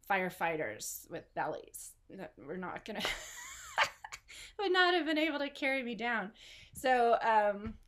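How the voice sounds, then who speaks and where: A woman's voice: medium pitch, a bit bright. A woman hosting an online group, telling a story in a casual, rambling way full of fillers and small laughs, speaking into a video call microphone from home. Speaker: online art studio host.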